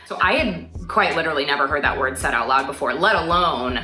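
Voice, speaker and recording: Bright low-voiced woman in her twenties. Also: animated, a little fast. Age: 20s. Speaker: teacher. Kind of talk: personal testimony to camera. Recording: echoey room, soft music behind.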